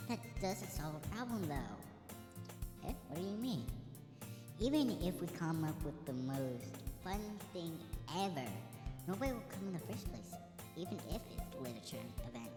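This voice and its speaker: A man's voice: fairly high pitch, big pitch swings, measured pace, voice pushed up. A man reading visual novel dialogue and narration aloud, with his voice run through a female voice changer filter. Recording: roomy echo with game music behind.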